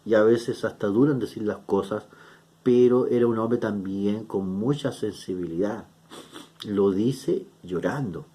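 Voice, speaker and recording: A Chilean man preaching a sermon as pastor, earnest and deliberate, often checking in with a questioning "ah?" and pausing on "eh". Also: medium pitch, mellow. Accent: Chilean Spanish. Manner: earnest, repeats points with frequent "¿ah?" tag questions; slow and deliberate, many filler "eh"s.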